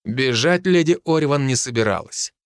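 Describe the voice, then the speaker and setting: Male audiobook narrator, steady first-person storytelling, mid voice, dry close recording. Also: mid-range voice, normal speed, no echo.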